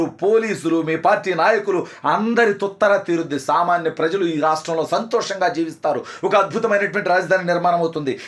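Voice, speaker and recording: A man delivering an angry political rant, hurling insults and rapid-fire accusations. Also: high voice, fairly bright tone. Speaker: political party supporter.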